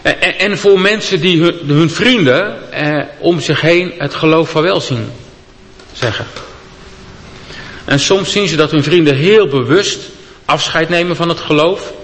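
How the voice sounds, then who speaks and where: A man reading a scripture passage aloud and then preaching a sermon, with an expressive delivery that gives the speakers in the story their own voices. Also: fairly high pitch, measured pace, a little hiss or hum. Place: church. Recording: long church reverb.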